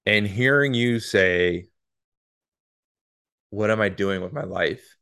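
A podcast host in his thirties talks in a relaxed, chatty way, often restarting his sentences with repeated starts. His voice is fairly low-pitched and smooth, and he takes it slowly.

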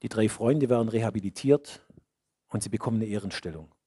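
Husky preacher, swinging loud to hushed. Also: male voice, lowish voice, brisk, dry recording, clean studio sound. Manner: emphatic, repeats key phrases, swings between loud and hushed. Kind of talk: sermon.

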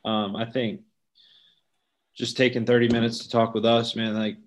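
A man's voice: mid-range voice, level tone, normal speed. A man co-hosting a casual sports chat, on a slightly noisy recording. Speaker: co-host, coach.

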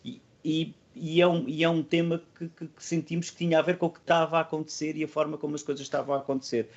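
A man's voice: fairly high pitch, flat delivery. Earnest Portuguese man, slightly muffled recording. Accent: European Portuguese. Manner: earnest, halting with repeated words, slangy. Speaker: band musician being interviewed. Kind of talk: casual interview talk.

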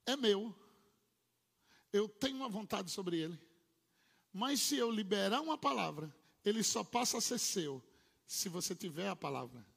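A man preaches with a high, gravelly, husky voice that leaps around in pitch. He drops to low murmurs, then bursts into loud shouts. His words ring out with a long hall reverb behind them. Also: expressive, normal speed, long pauses. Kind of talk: sermon.

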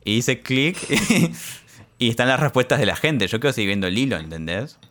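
A man's voice: mid-range voice, fairly quick. A young man with an Argentine Rioplatense accent, co-hosting a casual chat and animatedly reading a social media thread aloud, laughing often. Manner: animated, laughs often, acts out quoted lines. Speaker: podcast co-host.

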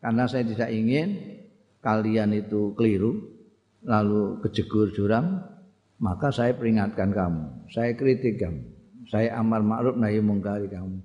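A man's voice: on the low side, moderate pace, highs cut off. A man with a Javanese accent giving a conversational sermon, chanting Arabic phrases and then explaining them plainly. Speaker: religious teacher. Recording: long hall reverb.

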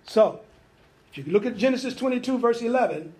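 A man with a notably high voice delivers a sermon, breaking into amens and hallelujahs as he goes. His preaching is folksy and conversational, full of homely asides, and he slips into the voices of biblical figures to act out their dialogue. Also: expressive, brisk, a little mellow.

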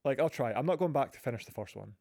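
Male podcast host, Scottish accent, medium pitch, dry room-free sound. Casual, teasing delivery. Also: expressive, very fast, vocal fry, dark tone, no echo. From Scotland. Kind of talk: casual banter. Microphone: remote recording from a separate room.

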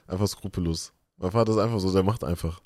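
A man's voice: sits low, quick pace, dry recording, clean studio sound. A young man co-hosting a podcast, telling personal stories in casual chat and acting out the voices of the people in them. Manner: animated storyteller, acts out quoted voices. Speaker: podcast co-host.

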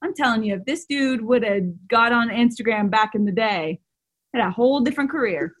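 A woman co-hosting a podcast in casual, animated chat, laughing often and throwing in quick asides. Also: on the high side. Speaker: podcast co-host.

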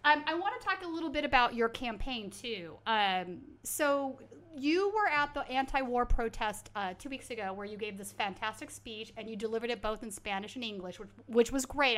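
A woman's voice: on the high side, a little fast, a bit bright. A woman with an American accent hosting a casual political interview. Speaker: show host.

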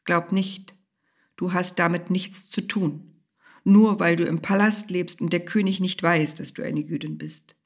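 A woman voicing a steadfast, calm older man who earnestly urges his ward. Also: on the low side, a little slow, breathy edge. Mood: urgent.

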